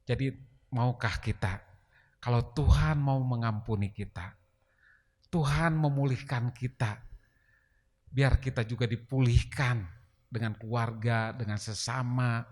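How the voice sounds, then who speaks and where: A man's voice: mid-range voice, unhurried, long pauses, a little mellow. A man preaching a sermon in a church, emphatic and asking the congregation rhetorical questions. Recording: long reverb of a church hall.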